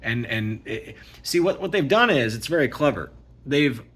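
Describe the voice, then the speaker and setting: A man's voice: mid-range voice, expressive, moderate pace, fairly bright tone, breathy edge. A man giving a casual, emphatic ranting monologue, repeating himself and asking "okay?" often. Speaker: vlogger.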